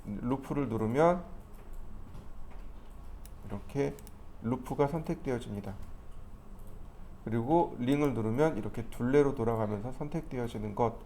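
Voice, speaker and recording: A man teaching a 3D modeling class, explaining each step as he clicks through the software. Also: medium pitch, normal speed, long pauses, a little hiss or hum. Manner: step-by-step explaining, thinking aloud while clicking. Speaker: 3D modeling instructor. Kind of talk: screen-recorded software tutorial.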